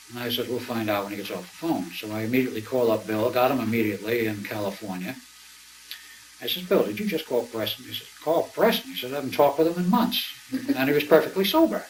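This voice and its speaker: An older man telling a long personal story as an interview guest, acting out quoted dialogue and clearing his throat now and then. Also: mid-range voice, lively intonation, fast, slight background noise, poor audio. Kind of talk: conversational storytelling.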